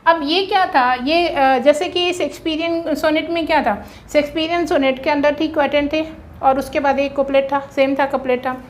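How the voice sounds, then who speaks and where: A woman's voice: sits high, fairly even intonation. An Indian woman teaching an exam-prep lecture, explaining step by step and checking in often with her students. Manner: explanatory, drills rhyme schemes slowly letter by letter.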